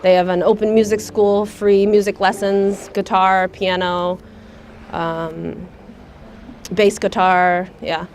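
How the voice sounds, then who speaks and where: A young American woman, speaking thoughtfully in a documentary interview, often pausing with "um" as she searches for words. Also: medium pitch, little pitch movement, slight background noise. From United States. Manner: thoughtful, soft-spoken, many hesitations with um. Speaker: volunteer.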